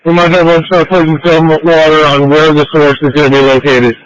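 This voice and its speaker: A man's voice: on the high side, flat delivery, fast, dull audio. A man working as a fire operations officer, reporting from the scene over a two-way radio. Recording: noisy fire radio transmission.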